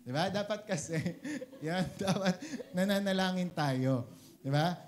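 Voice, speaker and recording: A man with a Filipino accent and a fairly high voice preaches a casual, conversational sermon at a measured pace. He keeps asking "di ba?" and slips into English phrases, with a little hiss or hum in the recording.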